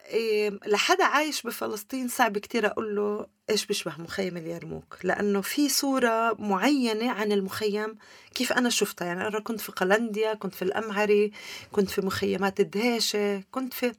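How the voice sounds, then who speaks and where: A woman's voice: medium pitch, quick pace, creaky, dry recording, studio quality. A woman with a Palestinian Levantine Arabic accent, telling personal stories as a guest in a conversational interview.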